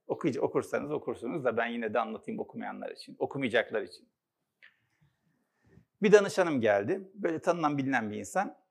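A middle-aged man, a psychologist and author, giving a reflective storytelling talk full of anecdotes. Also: mid-range voice. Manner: reflective, anecdotal, warmly earnest.

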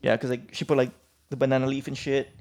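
A man's voice: medium pitch, little pitch movement, fast, darkish tone. A man co-hosting a casual podcast chat, telling rambling stories with a light tinge, swearing and laughing often as he acts out what people said. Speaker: podcast co-host.

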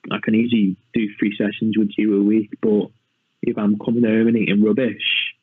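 A man's voice: lowish voice, level tone, fairly quick, slightly rough. A man chatting casually as a guest about his fitness journey, self-mocking and full of fillers. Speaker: podcast guest, personal training client. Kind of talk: casual chat. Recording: tinny phone-like line, dry.

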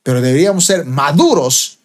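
A man preaching a sermon with emphatic delivery that climbs to high, stressed peaks. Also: animated, brisk.

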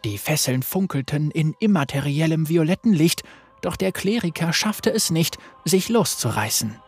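A narrator reading a dark fantasy story aloud in a measured, dramatic way. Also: medium pitch, expressive, breathy edge, faint music behind.

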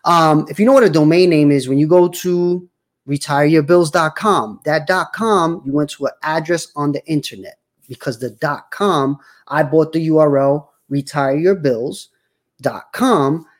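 This forties-aged male host talks loosely on his livestream, wandering through his points with frequent fillers and false starts. He speaks at a moderate pace in a fairly high pitch.

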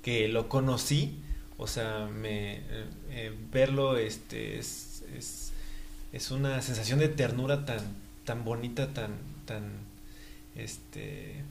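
A young man, chatting as a guest in an interview, halting with many fillers and breaking into laughs. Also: medium pitch, fairly even intonation, vocal fry, roomy sound, slight background noise. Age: young adult. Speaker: guest, new father. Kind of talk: casual interview chat.

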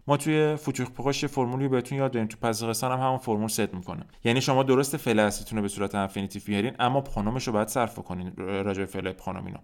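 A man teaching French in a podcast lesson, explaining in his native Persian and saying each French example slowly, then repeating it. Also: medium pitch.

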